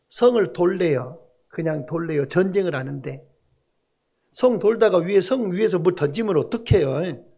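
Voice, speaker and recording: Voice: medium pitch, a little mellow. A pastor preaching a Sunday sermon in a church, asking the congregation questions and joking with the children. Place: church sanctuary.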